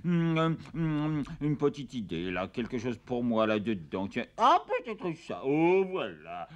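A man's voice: medium pitch, wildly swooping pitch, unhurried, lo-fi sound. A man voicing a fussy, boastful old cat in a children's puppet show, theatrical and given to muttering to himself. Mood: scheming, musing. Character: fussy, boastful old male cat who loves disguises.

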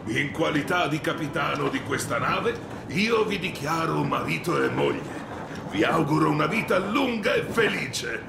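Gravelly, commanding old colonel. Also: male voice, on the high side, expressive, moderate pace. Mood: solemn. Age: older. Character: commanding old colonel, fatherly, easily roused. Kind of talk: video game voice acting, Italian dub. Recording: roomy, noisy train-carriage ambience.

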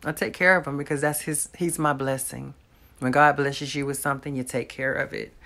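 A woman's voice: extremely low pitch, fairly even intonation, brisk, a bit bright. A woman, earnestly telling a personal testimony straight to the camera from a small room at home. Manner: earnest, talks straight to viewers, faith-filled. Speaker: vlogger.

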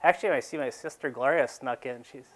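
A dairy farmer in his fifties, speaking at a medium pitch and a quick pace, gives a casual talk to a seated audience in a large exhibition hall. He rambles, using fillers and restarting his sentences.

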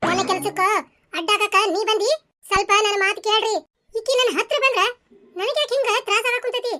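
A woman's voice: very high voice, steady tone, brisk, pushed and bright. A woman voicing a loyal young village maid in a cartoon, firm and respectful, with a North Karnataka Kannada accent. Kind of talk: cartoon voice acting.

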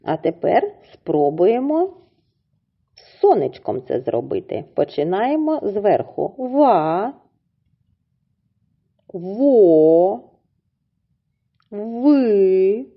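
A woman teacher with a husky voice, giving a slow, clearly enunciated reading lesson to young children and drawing out words syllable by syllable. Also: mid-range voice, very animated, muffled recording. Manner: syllable-by-syllable drawn-out pronunciation, encouraging. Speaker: primary school teacher.

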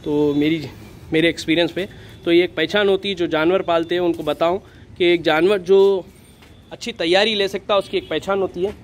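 A fairly high-pitched man shows a goat for sale in an outdoor pen, talking in a flat, even tone. He films on a handheld phone, and faint street noise runs underneath. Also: a little fast. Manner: flat, steady, repeatedly says "bhai". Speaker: goat farm seller. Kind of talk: casual sales walkthrough.

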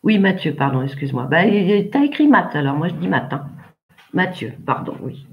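A woman's voice: lowish voice, sing-song, moderate pace, gravelly, muffled recording. Woman teacher giving patient pronunciation feedback. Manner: patient, corrects pupils one by one by name. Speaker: English teacher. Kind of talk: online class teaching.

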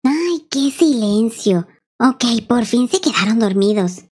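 A young woman narrating a mobile game playfully, talking in animated sing-song to babies. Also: on the high side, slow pace, husky. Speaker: game video creator. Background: faint children's music.

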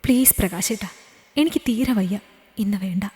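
A woman's voice: mid-range voice, lively intonation, moderate pace, echoey room, big-room sound, lightly acted. A woman doing a meek, pleading young wife. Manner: soft, pleading.

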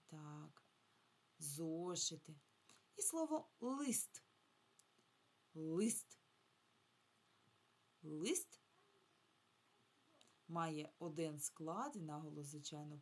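A woman's voice: sits low, a little mellow, slightly rough. A woman teaching a remote reading lesson to young children, patiently stretching out sounds and syllables. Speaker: primary school teacher.

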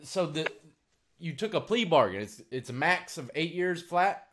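An American man in his thirties hosts a story-time video show from a small home room with a gaming setup, chatting casually in slangy, informal style and calling listeners "man" and "y'all." His voice is fairly high, animated, a bit bright, at a moderate pace. Slight background noise is present.

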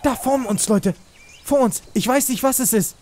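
Ein Mann, der aufgeregt ein Spiel kommentiert, in Panik ruft und fleht und viel Jugendslang benutzt. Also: male voice, extremely high pitch, moderate pace. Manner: excitable, shouts and pleads in panic, youth slang. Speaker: let's play host. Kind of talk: excited gaming commentary.

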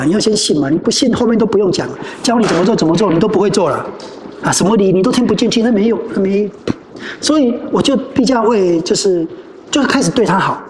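A Buddhist monastic answering listeners' questions in an informal dharma talk, telling personal stories and repeating phrases with drawn-out particles at the ends of sentences. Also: mid-range voice, darkish tone, a little hiss or hum, low-quality recording. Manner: tells personal stories to advise.

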